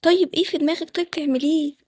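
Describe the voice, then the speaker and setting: Nervous loyal friend, voiced by a woman, Egyptian, high, quick talker. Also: fairly even intonation, darkish tone, no echo, lightly acted. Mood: worried. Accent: Egyptian Arabic. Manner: hesitant, worried questions.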